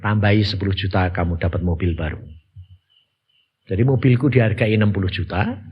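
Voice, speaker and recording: A man preaching a sermon and telling a story with a Javanese accent, in a lively, exclamatory way. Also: low-pitched, a little fast, husky, lo-fi sound. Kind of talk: sermon with anecdotes.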